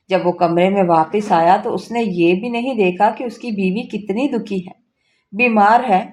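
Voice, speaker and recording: Plaintive woman storyteller, mellow voice. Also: a little high. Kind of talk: emotional first-person story narration.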